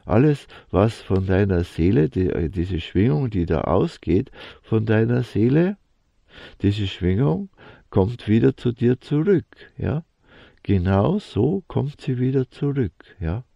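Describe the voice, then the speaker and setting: A man giving a slow, meditative spiritual talk, halting and searching for words and dropping a questioning "ja" into nearly every phrase. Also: lowish voice, creaky, warm tone, no echo. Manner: fills his talk with a questioning "ja". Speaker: spiritual teacher. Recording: dull lo-fi sound, dry and close.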